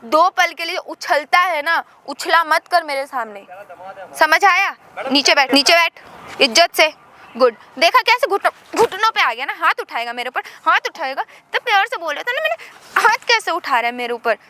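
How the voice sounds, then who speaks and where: A woman's voice: very high-pitched, lively intonation, moderate pace, pushed and bright, full character voice. A woman playing a domineering young wife who taunts and orders her husband about, in a staged street skit. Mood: bullying. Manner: taunting, commanding.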